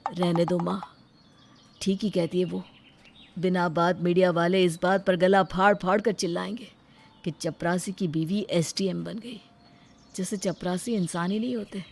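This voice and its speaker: A woman voicing a humble, devoted young husband in an animated story, speaking earnestly. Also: on the low side, normal speed, vocal fry, slight background noise. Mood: subdued.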